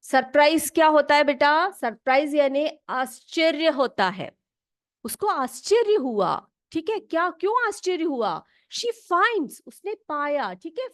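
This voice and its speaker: A woman teacher reads an English text slowly, word by word, and explains each phrase to the children. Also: sits high, a bit bright, dry recording, studio quality. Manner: asks questions back to the children. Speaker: school teacher. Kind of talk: bilingual classroom reading lesson.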